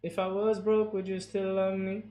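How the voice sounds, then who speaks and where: A young man streams a football watchalong, giving casual, excitable play-by-play and chatting with his viewers between plays. His voice sits high and he speaks at a moderate pace. The room is echoey, with faint background noise.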